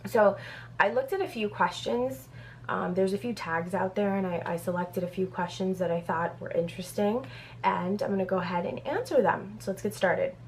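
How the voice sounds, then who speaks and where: This Brazilian beauty vlogger, in her thirties, has a mid-range voice at normal speed, with slight background noise. She chats her way through a vlog Q&A, reading questions off paper with many "um"s.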